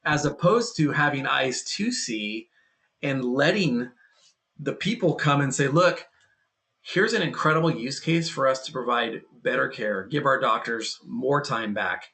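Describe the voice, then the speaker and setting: A man's voice: medium pitch, fairly bright tone. Emphatic man with a punchy, repetitive delivery. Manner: emphatic, repeats key phrases, acts out quoted dialogue. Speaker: guest, healthcare and private equity tech leader. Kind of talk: casual podcast conversation.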